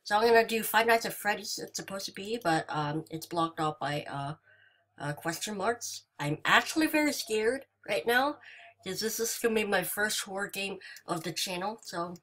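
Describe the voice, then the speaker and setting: Slow-talking nervous woman gamer. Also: a bit bright. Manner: nervous and jumpy, greets the monsters in a high sing-song voice. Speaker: gaming channel host. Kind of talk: horror game let's-play commentary.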